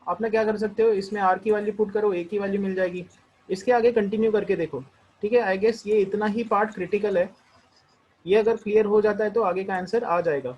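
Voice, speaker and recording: A man with an Indian accent teaching a math lesson, working through the steps one at a time and slowing down to read each equation aloud. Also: high voice, steady tone, lo-fi sound. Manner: explains step by step, mixing Hindi and English; slows down when reading out equations. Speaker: math tutor.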